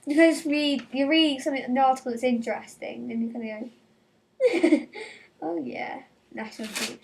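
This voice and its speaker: A woman's voice: sits high, normal speed, recorded from a distance. A teenage girl doing a casual comic rant, acting out little scenes with quoted lines and giggles. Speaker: vlogger.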